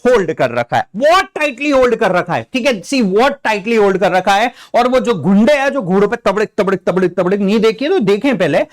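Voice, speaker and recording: An Indian man teaching science with a very high-pitched voice. He is playful and theatrical, and he acts out scenes and sound effects to explain ideas. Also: animated, normal speed, few pauses. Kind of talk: playful classroom lesson with demonstrations.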